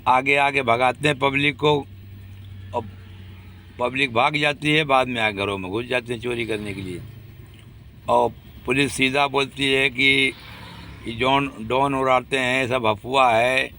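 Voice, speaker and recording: A man's voice: mid-range voice, steady tone, measured pace, long pauses, sharp tone, a little hiss or hum. A man speaking to the public in a casual monologue, indignant and complaining.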